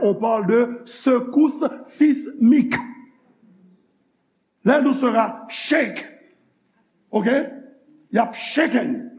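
A preacher man with a strikingly high voice and a gravelly edge. He teaches from the Bible at an unhurried pace, quizzing the congregation and now and then rising to a shout.

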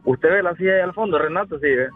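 A man putting on a mocking politician voice, declaiming and shouting grand promises. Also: high voice, rapid-fire, narrow, tinny audio, soft background music, pitched below the performer's own voice, close to an everyday voice. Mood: blustering.

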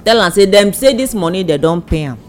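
A woman's voice: mid-range voice, lively intonation, brisk, soft background music. A Nigerian woman speaking Nigerian Pidgin as a panelist in a casual radio discussion.

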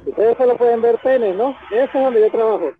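A man's voice: very high-pitched, a little fast, soft background music. A man joining a casual stream from his phone, answering with dry, mocking retorts. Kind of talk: casual live-stream banter. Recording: tinny phone line.

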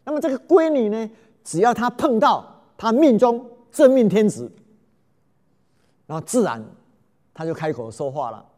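A man's voice: high-pitched, moderate pace, long pauses. A man telling a folk tale, exclaiming often and quizzing his listeners. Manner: animated, exclamatory, asks listeners questions. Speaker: storyteller.

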